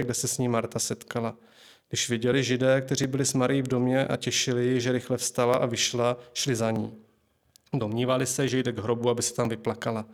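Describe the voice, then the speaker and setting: Speaking at a medium pitch, a man delivers a sermon, first reading scripture aloud slowly and deliberately, then offering an earnest personal testimony.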